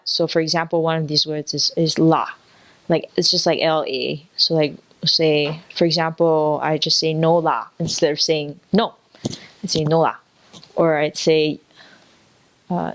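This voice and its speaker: A woman from Singapore with a Singaporean accent softened for foreign listeners, explaining casually and a little hesitantly, as if searching for examples. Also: sits low. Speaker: native speaker explaining dialect.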